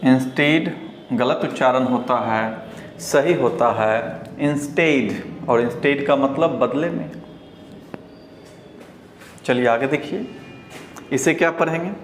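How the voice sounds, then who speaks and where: Slow, echoey Indian man teaching pronunciation. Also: mid-range voice. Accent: Indian, Bihar. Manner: slow, repeats each word several times, drawn-out model words. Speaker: English teacher. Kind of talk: pronunciation lesson. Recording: roomy echo, faint background hiss.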